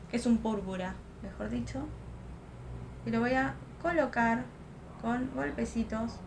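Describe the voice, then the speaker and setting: Young woman, relaxed chatty makeup vlogger at home, faint room noise. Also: fairly high pitch. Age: young adult. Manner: chatty, thinks aloud with fillers. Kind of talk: casual makeup tutorial. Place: home room, close to a lamp.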